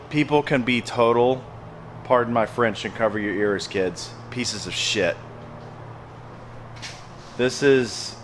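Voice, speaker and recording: A man's voice: on the low side, slight background noise. A man running a landscaping business talks casually to a handheld camera, plain-spoken and emphatic, often repeating his phrases. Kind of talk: casual vlog talk to camera.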